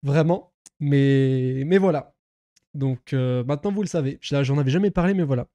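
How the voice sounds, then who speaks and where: A man's voice: medium pitch, moderate pace, dark tone, no room sound. A young man chatting casually on a live stream, rambling with many fillers, swearing and laughing at himself.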